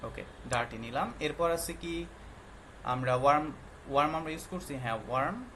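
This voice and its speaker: A man's voice: a little high, moderate pace, pushed and bright, a little hiss or hum. A male teacher patiently explaining a lesson to young children, quizzing them often and mixing English words into his explanations. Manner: patient, quizzing with frequent questions.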